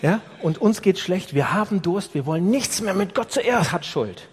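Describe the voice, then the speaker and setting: A man preaching an animated sermon to his congregation, firing off rhetorical questions. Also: sits high, moderate pace, husky. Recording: long reverb of a large hall.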